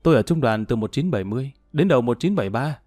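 A man's voice: medium pitch, lively intonation, very fast, darkish tone, dry recording, clean studio sound, close to an everyday voice. A man voicing a courteous middle-aged male war veteran, polite and subdued.

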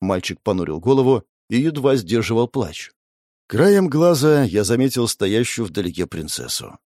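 A man's voice: medium pitch, big pitch swings, normal speed, warm tone, no room sound, clean studio sound. A man reading a first-person story aloud in an intense, dramatic narration.

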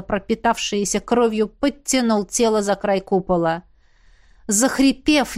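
A woman reading an audiobook in a steady, tense storytelling manner. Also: on the high side. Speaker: audiobook narrator. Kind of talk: scripted narration.

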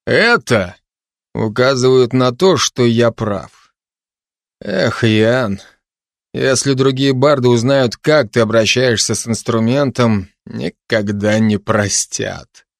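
A man's voice: mid-range voice, slow, vocal fry, dry recording. A man doing a sardonic grumbling constable. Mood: wry, grumbling. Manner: dry, sardonic, chatty banter with a cat.

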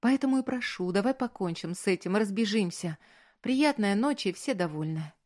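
A woman's voice: mid-range voice, animated, normal speed, darkish tone, pitched above the performer's own voice, natural voice. A woman reading an audiobook, voicing a hurt, defiant young woman who pleads through tears in a raised voice. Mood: tearful.

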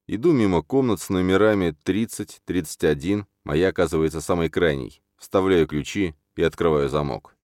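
A man reads a first-person audiobook in a sardonic, brash and crude manner. His voice sits very low. The recording is close and dry, with no trace of room echo. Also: normal speed, few pauses, darkish tone. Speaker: audiobook narrator.

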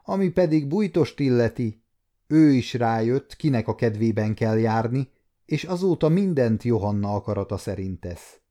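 A man's voice: mid-range voice, expressive, warm tone, natural voice. A man reading the part of an old, sceptical counsellor who gives sober, weary warnings. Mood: grave.

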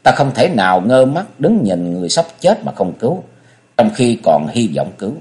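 A man's voice: mid-range voice, sing-song, normal speed, darkish tone, natural voice. A man voicing a firm, earnest young woman in a storybook reading, close to his own voice. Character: resolute young woman healer.

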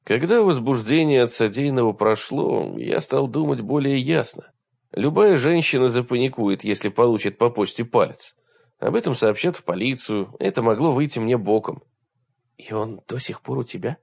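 A man giving a steady, low-key first-person audiobook narration. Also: moderate pace, creaky. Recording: dull lo-fi recording.

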